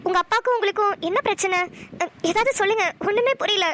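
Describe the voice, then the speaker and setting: A woman doing a cheeky, very high-pitched girl. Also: fast talker, very noisy. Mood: curious. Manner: sassy, teasing. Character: cheeky, talkative young woman. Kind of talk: cartoon voice acting.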